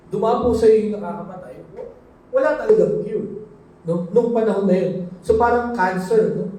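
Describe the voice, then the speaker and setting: High-voiced preacher in an echoey hall. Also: male voice, dark tone. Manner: mixes Tagalog and English, asks "no?" often. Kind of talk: sermon. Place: church hall. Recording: echoey church hall, mic at a distance.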